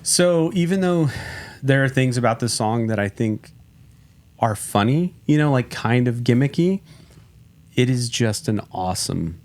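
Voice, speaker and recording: A man's voice: medium pitch, expressive, a little slow, a little mellow. A man co-hosting a podcast, chatting casually and gushing enthusiastically about music. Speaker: podcast co-host. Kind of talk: casual chat.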